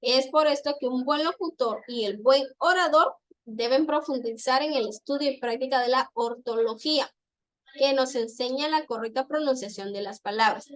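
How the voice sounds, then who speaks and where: A woman gives a classroom lecture. Her voice sits high, and she explains patiently, saying each example slowly and more than once. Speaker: teacher.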